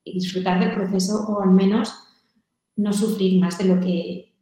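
A woman's voice: mid-range voice, level tone, a little slow, mellow. A middle-aged woman answering interview questions in an earnest, storytelling way, sometimes voicing her children. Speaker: founder of a volunteer mothers' group, guest. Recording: very echoey room.

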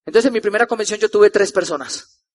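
A young Colombian man in his twenties telling a lively personal story to a live audience as a motivational speaker, acting out the people in it. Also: high voice, quick pace. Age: 20s. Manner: animated, acts out the voices of the people in his story.

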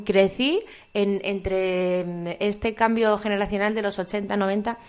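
A woman in her forties with a Castilian Spanish accent, telling anecdotes in casual, colloquial and expressive chat. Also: mid-range voice, a little slow. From Spain. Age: 40s. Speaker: co-host.

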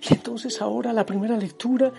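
Fervent middle-aged priest preaching over music. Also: male voice, very high voice, fairly even intonation, quick pace, creaky. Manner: fervent preaching that drops to hushed, near-whispered passages. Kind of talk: devotional sermon. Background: soft music backing.

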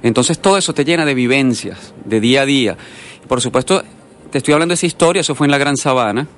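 A man's voice: mid-range voice, animated, fast talker, fairly bright tone, a little hiss or hum. A man from Colombia, a guest artist in a radio interview who tells long stories full of asides. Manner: storytelling, rambling with asides. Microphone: studio microphone.

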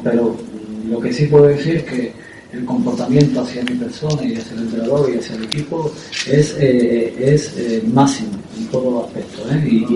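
A man, a football coach, answering at a press conference in a halting way, often repeating words and filling pauses with "eh". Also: medium pitch, warm tone, a little hiss or hum. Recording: echoey room, distant mic.

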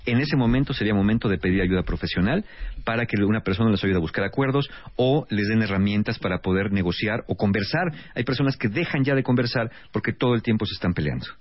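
A man's voice: fairly low pitch, fast talker, no room sound. A man with a Mexican accent co-hosting a radio talk show, giving emphatic relationship advice. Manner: emphatic, lecturing. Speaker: radio co-host, relationship advisor. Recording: slightly muffled radio broadcast.

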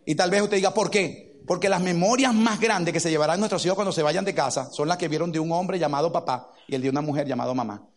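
A middle-aged man with a notably high voice delivers a sermon as a pastor. He tells stories in an animated way and acts out what people said along the way. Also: fast talker, few pauses. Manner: animated storytelling with acted-out quotes.

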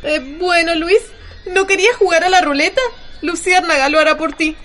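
Brief: woman voicing a gentle alien woman who reassures others, very high and bright, radio play. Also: moderate pace. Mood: reassuring. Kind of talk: radio drama acting.

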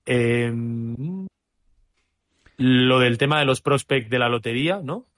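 A man's voice: mid-range voice, slow pace, fairly bright tone. A man co-hosting a casual podcast, thinking aloud with many hesitations as he weighs his opinions. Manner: musing, hesitant, restarts often. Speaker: podcast co-host.

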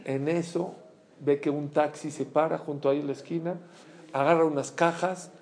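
Animated high-voiced man preaching. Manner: animated, acts out characters' voices. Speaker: religious speaker. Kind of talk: storytelling talk with acted quotes.

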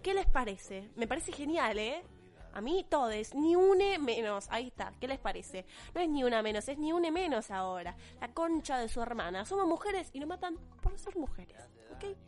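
A teenage girl with an Argentine accent and a high voice delivers a blunt, sarcastic rant straight to her viewers. She swears freely and mocks her critics. Faint music plays underneath. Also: big pitch swings, normal speed. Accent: Argentine Spanish. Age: teens. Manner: blunt, profane, sarcastic ranting. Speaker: vlogger. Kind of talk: opinion rant to camera.

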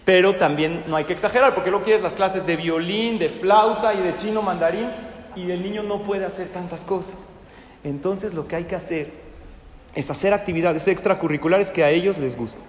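A man giving a lively parenting lecture to a live class, acting out parents and children. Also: high voice, moderate pace. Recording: echoey hall with faint noise.

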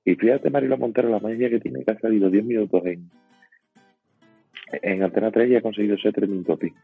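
A man's voice: lowish voice, steady tone, fairly quick, vocal fry, husky, dry recording. A man making joking, teasing casual conversation as a podcast co-host. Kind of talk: casual chat. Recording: dry phone-like line, music behind.

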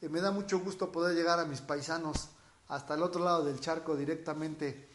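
A Mexican man with a raspy, boozy-sounding voice, chatting informally as he explains things and answers viewers' questions. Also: a little high, fairly even intonation, brisk, fairly bright tone, slight background noise. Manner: informal, explanatory, frequently checking with the listener. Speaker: dog trainer hosting a question-and-answer livestream. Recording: echoey room.

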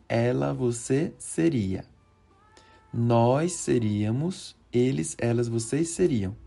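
A man teaching verb conjugations, slow and deliberate, drawing out each form and checking in often with "certo?". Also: medium pitch, gravelly, mellow. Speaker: Portuguese teacher for Spanish speakers. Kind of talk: conjugation lesson.

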